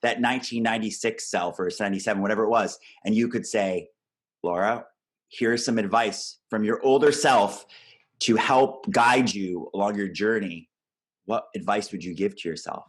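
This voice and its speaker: A man in his forties hosting an interview, chatting and telling his own anecdote in a relaxed, conversational way, quick to laugh. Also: fairly low pitch. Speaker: podcast host.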